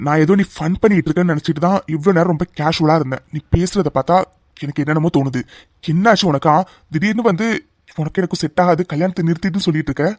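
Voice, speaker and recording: Cast a performer as a joking, mocking young groom in a cartoon, mid-pitched, very dry close sound. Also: fast talker, dry recording, close to an everyday voice. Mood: angry. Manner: mocking, joking, then sharp and commanding. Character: teasing young groom who turns angry. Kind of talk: cartoon voice acting.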